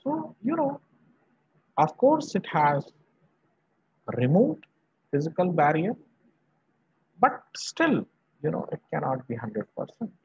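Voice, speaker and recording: A university professor from Varanasi, northern India, delivers an online lecture in a small indoor room with no echo. His husky male voice is fairly high, sing-song and darkish, emphatic and halting with repeated short phrases, over muffled, dull video-call audio.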